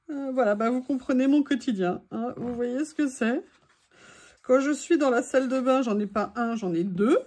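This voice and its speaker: A woman's voice: high-pitched, unhurried, pauses often, dark tone. A woman chatting casually while making a collage at home, playful and teasing with asides to her dog. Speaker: craft vlogger.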